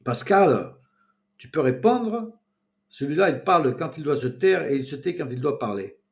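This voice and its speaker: A man's voice: on the high side, lively intonation, normal speed, pitched above the performer's own voice. A man voicing a bossy, teasing small-town mayor chairing a meeting.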